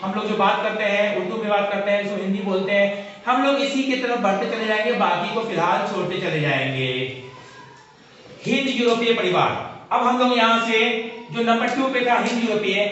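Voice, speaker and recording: A man's voice: high voice, fairly bright tone. Male teacher lecturing in an echoey room. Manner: measured, explanatory, addresses students directly. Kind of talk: classroom lecture to camera. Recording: echoey room, far from mic, dull lo-fi sound, faint hiss.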